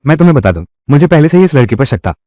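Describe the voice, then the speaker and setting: Animated male drama dub voice. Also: fairly high pitch, rapid-fire, no room sound, clean studio sound. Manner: heated, quarrelsome dialogue delivery. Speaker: dubbing voice for all roles. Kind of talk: dramatic Hindi drama dubbing.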